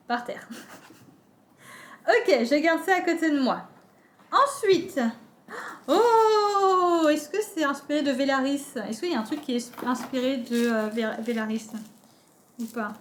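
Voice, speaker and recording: A woman's voice: high voice, slight background noise. A French woman chatting casually as a book vlogger, unboxing with many fillers and restarts.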